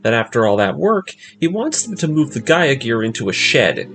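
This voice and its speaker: A man with a medium-pitched voice narrates a scripted recap for an anime story breakdown series, his pitch swinging widely at a moderate pace. His delivery is dramatic and storyteller-like, with music playing in the background.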